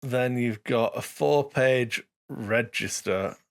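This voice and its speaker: A man co-hosting a relaxed hobby podcast, his voice carrying a gravelly edge at a middling pitch. He talks in a dry, deadpan way and stops and starts around fillers. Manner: dry, sarcastic, halting with fillers. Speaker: podcast co-host. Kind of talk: casual hobby podcast chat.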